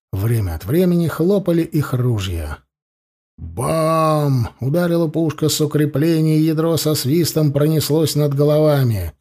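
A man narrating an audiobook in a steady storytelling manner. His voice sits slightly high for a man, and he voices the sound effects himself. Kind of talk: scripted narration of a war novel.

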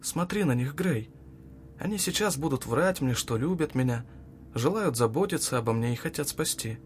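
A man voicing a defiant, unhinged young woman who mocks and shouts with hatred. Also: animated, moderate pace, a little hiss or hum, natural voice. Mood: fierce. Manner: mocking, shrill, shouting at times.

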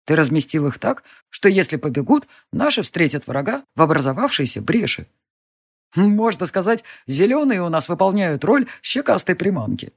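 A woman's voice: lowish voice, sing-song, normal speed. Woman voicing a smug, cheerful young prince. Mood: reassuring.

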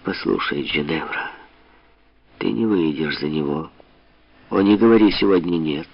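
A man voicing a grey-haired, hot-tempered old Corsican father who talks slowly, heavily and sternly, on a dull lo-fi audiobook recording. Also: sits low, no echo. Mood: pleading.

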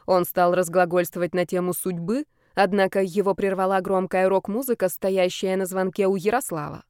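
Woman audiobook narrator, measured and even, middle pitch, dry recording. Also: smooth, no echo. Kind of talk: scripted narration.

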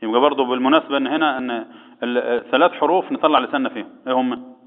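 A man's voice: medium pitch, very fast. A man with an Egyptian accent teaching Quran recitation rules, quizzing his students and answering his own questions. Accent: Egyptian Arabic. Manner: asks the class questions and answers them himself. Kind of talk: tajweed lesson, quizzing students. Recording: echoey, tinny phone-like sound.

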